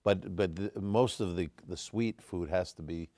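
A man's voice: low voice, a little slow, mellow, dry recording. A man in his forties, a restaurateur guest on a studio panel, speaking frankly and explaining with examples. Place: dark TV studio set. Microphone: lapel.

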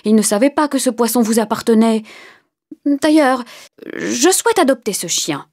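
Woman doing a storybook old man: kind, gentle, a bit raised, husky. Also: on the high side, expressive, moderate pace, voice pushed up. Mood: kindly. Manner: gentle, slightly raised, kindly.

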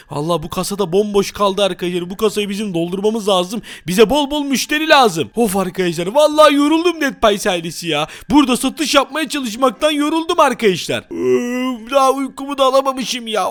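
A man hosting a gaming channel, narrating a Minecraft role-play excitably and talking to his viewers. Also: sits high. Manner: excitable, jumpy, talks to viewers.

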